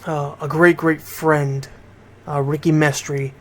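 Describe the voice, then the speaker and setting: A middle-aged man from Bridgeport, Connecticut, hosts a radio show as a DJ, chatting casually and speaking straight to his listeners. His voice is fairly high and level, and he talks slowly.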